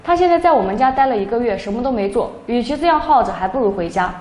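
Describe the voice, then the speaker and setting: A young woman narrating a first-person story in a plain, steady way. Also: fairly high pitch, quick pace. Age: young adult. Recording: echoey room, faint background noise.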